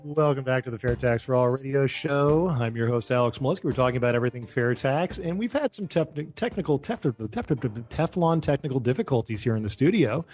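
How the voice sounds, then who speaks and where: A man's voice: medium pitch, lively intonation, fairly quick, few pauses, a little mellow, soft background music. A man hosting a talk radio show from his home studio, chatting casually with lots of fillers and small laughs. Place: home studio, talking over Skype.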